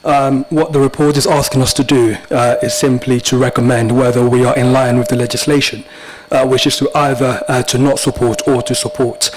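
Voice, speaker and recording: A man, probably a council officer, gives measured procedural advice at a meeting, with frequent hesitations. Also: medium pitch, little pitch movement, poor audio. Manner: measured, many filler "uh"s.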